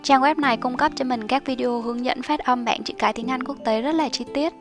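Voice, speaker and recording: Young female tutor, slightly high-pitched, casual explanatory delivery, faint music underneath. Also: a little fast. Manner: chatty, explanatory, with soft fillers. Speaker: IELTS teacher. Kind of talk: study tips tutorial. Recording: soft music behind the voice.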